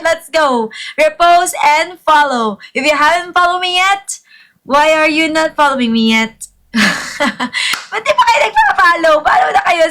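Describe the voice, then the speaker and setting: A Filipino-accented woman runs a live gaming stream with constant hype and coaxing. Her voice sits very high and sounds bright and forward, while still soft and calming. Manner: upbeat hype, coaxing viewers to follow and repost.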